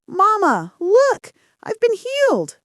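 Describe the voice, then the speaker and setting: A woman voicing a proud young woman humbled by a curse, crying out in a high, emotional voice. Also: very animated, slow, a bit bright, no echo, clean studio sound. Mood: joyful. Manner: emotional, high-pitched cries.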